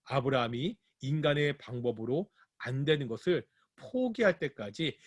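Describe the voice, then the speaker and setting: A man's voice: medium pitch, lively intonation, moderate pace, slightly rough, dry recording. A male pastor teaching a Bible study sermon, often asking the congregation questions and then answering them himself. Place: church.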